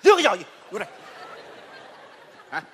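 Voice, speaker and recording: An actor playing a quarrelsome middle-aged husband in a stage comedy sketch, shouting back at his wife. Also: sits high, wildly swooping pitch, a little fast, a faint crowd, slight background noise. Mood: angry. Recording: stage hall reverb.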